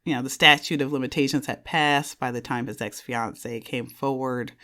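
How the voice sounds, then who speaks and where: A woman's voice: a bass voice, steady tone, moderate pace, sharp tone. Rambling woman in her thirties. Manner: rambling, self-correcting, laughs often. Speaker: podcast host sitting in as guest. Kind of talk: casual podcast chat.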